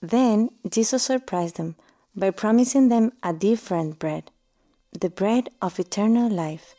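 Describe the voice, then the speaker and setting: A woman voicing a gentle, devout noble mother who speaks softly and tenderly, almost in a whisper. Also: medium pitch, a little slow, lightly acted. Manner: soft, tender, half-whispered. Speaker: voice actor. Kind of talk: audio drama acting.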